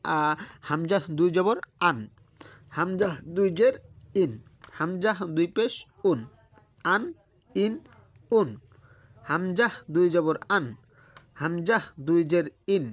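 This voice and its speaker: Man teaching Quran reading, slow repeated drills. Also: a little high, no room sound. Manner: drills sounds with slow repetition and call-and-response questions. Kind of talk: beginner reading lesson.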